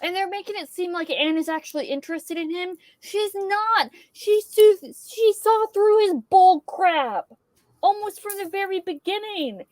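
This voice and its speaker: A woman's voice: very high voice, expressive, unhurried, darkish tone, no room sound. A woman hosting a book channel, reacting to a movie adaptation with exasperated, swearing commentary, a bit tipsy from whiskey, over a video call.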